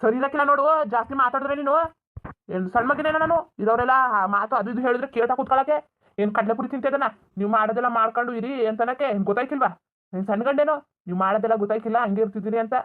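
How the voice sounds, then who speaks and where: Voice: mid-range voice, fast, lightly acted. A voice actor doing a furious young village man. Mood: furious scolding. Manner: shouting, scolding, bitter. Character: angry young man scolding his family. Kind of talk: Kannada village cartoon dub. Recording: tinny phone-like audio.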